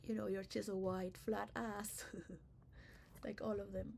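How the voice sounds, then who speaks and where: A woman from Venezuela with Spanish as her first language talks through a slow, digressive vlog at an ordinary mid pitch. She is blunt and swears casually, and a faint hum of room ambience sits behind her. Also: level tone, vocal fry, darkish tone. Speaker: vlogger. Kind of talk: casual rambling monologue. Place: recorded at her own setting, she shows on camera.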